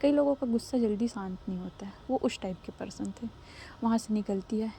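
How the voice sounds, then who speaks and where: A woman tells a romantic drama in a casual, chatty way, sprinkling English words into her telling. Her voice is mellow and soft-edged, at a middle pitch. A faint hiss of background noise runs beneath. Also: fairly quick, gravelly. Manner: conversational, mixing English words into Hindi. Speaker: storyteller. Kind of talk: casual spoken story narration.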